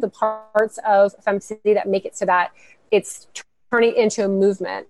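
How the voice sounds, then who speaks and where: A podcast interview features an upbeat, earnest woman guest, the founder of a women's network, who is from the United States and has a Cuban family. Her medium-pitched voice is creaky, and she answers in long, flowing stretches. The dry mic picks up no echo.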